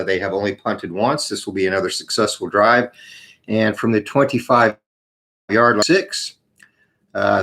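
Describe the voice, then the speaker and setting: Man with a low voice narrating dice football. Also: fairly bright tone, low-quality recording. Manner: explains rules and dice rolls, many "uh" pauses. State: morning voice, clears throat. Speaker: host demonstrating a tabletop football game. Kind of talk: casual play-by-play of a tabletop dice game.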